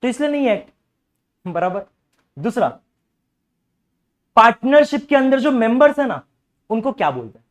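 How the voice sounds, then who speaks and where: A man's voice: extremely high pitch, sing-song, moderate pace, pauses often. A young man teaching a commerce class, repeatedly quizzing students and coaxing them to ask doubts. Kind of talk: classroom lecture.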